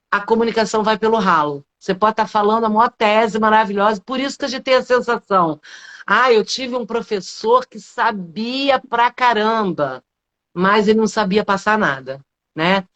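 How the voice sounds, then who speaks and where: A woman's voice: medium pitch, a bit bright. A middle-aged woman with a Brazilian Portuguese accent, a public speaking coach explaining ideas as a guest in a live interview, posing rhetorical questions and adding frequent tag questions.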